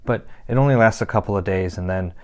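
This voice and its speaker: An actor playing a troubled young man who confides a painful past in a halting dramatic monologue broken by pauses. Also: fairly low pitch, lightly acted. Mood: confessional.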